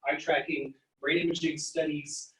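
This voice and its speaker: A man's voice: fairly high pitch, very animated, moderate pace, vocal fry, a bit bright, a little hiss or hum. A man giving a university psychology lecture, explaining step by step and sounding out letters and words. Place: lecture hall. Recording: echoey room, mic at a distance.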